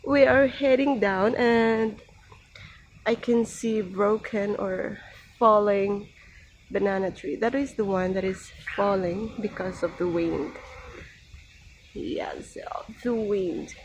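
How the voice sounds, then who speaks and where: A woman's voice: medium pitch, steady tone, slow, a little hiss or hum, poor audio. Filipino woman chatting to her cat. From Philippines. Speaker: vlogger. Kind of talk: casual vlog narration. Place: outdoors in a garden.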